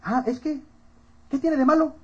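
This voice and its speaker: A man's voice: extremely high pitch, moderate pace, a little mellow, dull audio, voice pushed up. A man with a Mexican accent voicing a defensive young male churchgoer who stammers out excuses. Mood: whiny.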